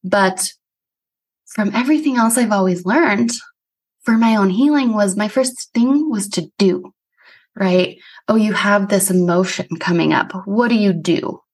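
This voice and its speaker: A woman's voice: medium pitch, a little slow, slightly rough. Woman podcast host and bodywork practitioner; earnest, casual, reflective solo talk, filler-heavy. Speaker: somato-emotional release practitioner. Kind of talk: reflective personal monologue.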